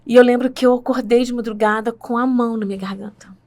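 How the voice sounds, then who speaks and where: High-voiced Brazilian woman telling her testimony. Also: fairly even intonation, fast, a little mellow. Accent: Brazilian Portuguese. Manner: earnest storytelling, frequent tag questions. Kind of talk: personal testimony in conversation.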